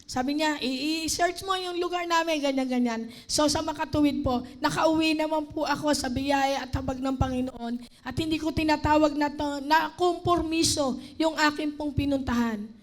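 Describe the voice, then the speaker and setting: High-voiced Filipino woman preaching. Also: fairly even intonation, normal speed. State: tired, strained voice. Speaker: lay preacher. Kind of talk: sermon. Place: church.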